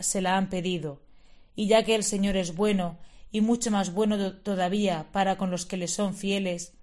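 A woman reading scripture and a spiritual text at a prayer service, steady and measured. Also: medium pitch. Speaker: lector.

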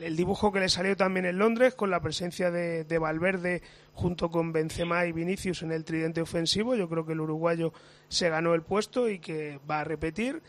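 A hoarse man reporting club news on sports radio, brisk and matter-of-fact. His voice sits notably high for a man. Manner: brisk, factual news delivery.

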